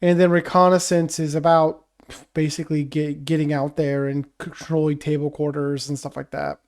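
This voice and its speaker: A man with a voice a little higher than usual for a man, talking through a tabletop wargame as a podcast co-host. He speaks in a measured way, often pausing and restarting his sentences. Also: little pitch movement, a little mellow. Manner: measured, hesitant, frequent restarts. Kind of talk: casual chat about a tabletop wargame.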